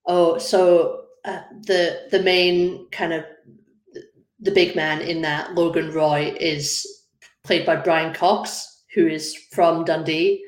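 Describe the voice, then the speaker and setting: A Scottish woman in her thirties with a fairly low voice, talking easily as a podcast guest. She fills her sentences with ums and laughs along the way. The sound is roomy, with a clear echo around her. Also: fairly even intonation, slow pace. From Scotland. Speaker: guest graphic designer. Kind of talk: casual interview chat.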